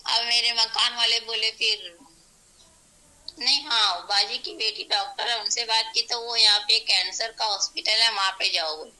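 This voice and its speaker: Bright-voiced Hyderabadi woman telling her story. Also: on the high side, normal speed, low-quality recording. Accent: Hyderabadi Urdu. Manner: animated, vivid retelling with voiced quotes; devout, invokes God often. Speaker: interview guest. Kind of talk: personal storytelling.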